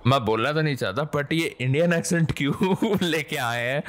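Excitable man commenting on a game. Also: on the high side, normal speed. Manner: excitable, playful, frequent exclamations. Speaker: gaming channel host.

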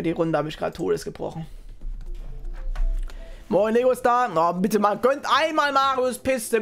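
A male streamer giving live commentary on a racing game, chatting with viewers and swinging from low mutters to high-pitched yells. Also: creaky. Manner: chatty, greets and answers viewers. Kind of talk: live gameplay commentary and chat reading.

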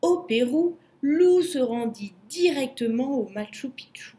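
A woman narrating a children's storybook in a slow, expressive way. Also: high voice.

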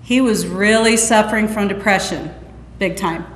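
A woman's voice: medium pitch, moderate pace, slight background noise. A middle-aged woman from Northeast Nebraska giving an earnest, direct personal testimony at a school conference, acting out the dialogue she quotes. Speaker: conference speaker. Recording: echoey hall, long reverb.

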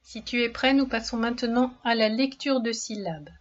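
A primary school reading teacher speaks in a fairly high voice at a moderate pace, and the recording is muffled. She gives young children a slow, clearly articulated lesson, patient and encouraging, stretching out every word and syllable.

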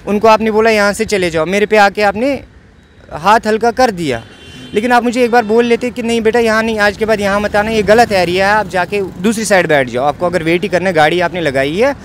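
A man's voice: high voice, fairly quick. A young man with a Kashmiri accent, earnestly recounting in an interview how he was beaten, pleading and repeating himself. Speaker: interviewee, assault victim. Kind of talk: emotional eyewitness account. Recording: outdoor street noise behind.

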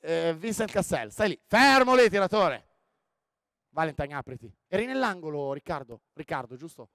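A man running a basketball coaching clinic on the court, directing players with quick commands and frequent "ok?". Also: fairly high pitch, very animated, vocal fry, no echo. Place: indoor sports hall.

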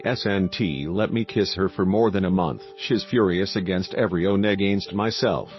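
A man's voice: low voice, fairly even intonation, moderate pace, close to an everyday voice. A man reading as a gloomy, tipsy fairground clown who speaks in a tragic voice. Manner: tragic, brooding. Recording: dull recording with faint music.

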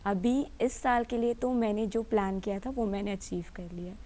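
A woman's voice: medium pitch, fairly even intonation, moderate pace, mellow. A woman answering interview questions as an actress and entrepreneur, earnest and matter-of-fact.

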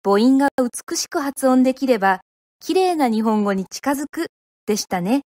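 A woman from Japan teaching pronunciation, speaking clearly and deliberately and modeling each syllable one at a time. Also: high voice, animated, darkish tone, no echo, studio quality. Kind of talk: slow, careful teaching of pronunciation.

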